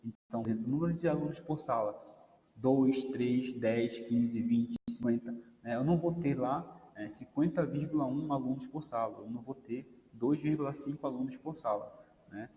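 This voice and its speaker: A man's voice: mid-range voice, normal speed, warm tone, slight background noise. Man lecturing in a reverberant room. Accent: Brazilian Portuguese. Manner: explanatory, many fillers like "né" and "ok". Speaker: teacher. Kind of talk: recorded lecture. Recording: roomy reverb, faint ambience.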